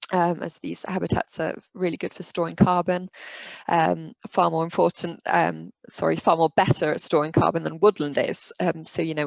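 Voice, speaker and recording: Croaky woman giving a webinar talk. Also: fairly low pitch, no room sound, poor audio. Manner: relaxed, conversational, with frequent "um" and "you know". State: voice going croaky. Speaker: biodiversity officer. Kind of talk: webinar slide presentation.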